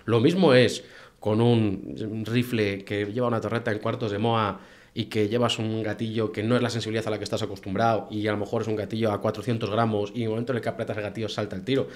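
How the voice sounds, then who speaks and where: A fast-talking man with a Castilian Spanish accent and a slightly low voice in casual podcast conversation. He tells things vividly, voicing other people's remarks and dropping in mild swear words, close on a studio microphone. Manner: animated storytelling with acted-out quotes and mild swearing. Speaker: podcast guest, hunting professional. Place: small indoor podcast studio. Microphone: close boom-arm studio microphone.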